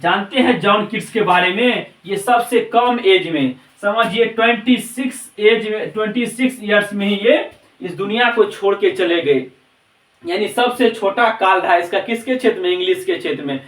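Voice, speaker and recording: High-voiced man teaching in an echoey room. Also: fairly bright tone, far from the mic. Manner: drills answers by repeating questions; spells out English titles slowly. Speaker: English teacher. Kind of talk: classroom lecture.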